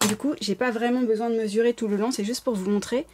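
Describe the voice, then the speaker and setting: A woman's voice: fairly high pitch, steady tone, fast, background noise. A woman with a slight lisp giving informal, apologetic, step-by-step craft instructions as a tutorial host. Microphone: camera placed close over the work table.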